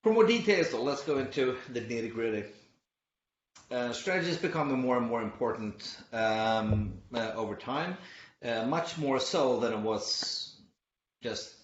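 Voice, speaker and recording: Speaking at an unhurried pace with lively intonation and a mid-range voice, a middle-aged Swedish man delivers an online conference talk marked by hesitation, fillers, and restarts. The muffled, lo-fi audio carries a slight hiss or hum and the echo of the room.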